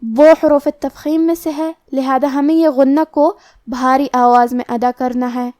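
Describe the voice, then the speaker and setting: Woman, high voice, dry close sound, steady step-by-step teaching tone, recitation lesson. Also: no echo. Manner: explains rules step by step, then recites words slowly and drawn out. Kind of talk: scripted tajweed lesson.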